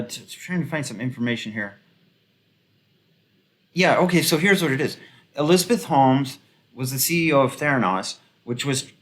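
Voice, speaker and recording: A video commentator with a mid-range, slightly bright voice gives casual, rambling commentary packed with ums and restarts. His remarks carry a sarcastic, mocking edge.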